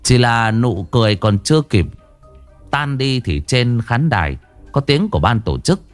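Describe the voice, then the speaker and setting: A male storyteller narrates with a lively, swinging delivery. His voice is dry and close to the mic, with faint music running underneath. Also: mid-range voice, moderate pace, no room sound. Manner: colloquial, vivid, salty.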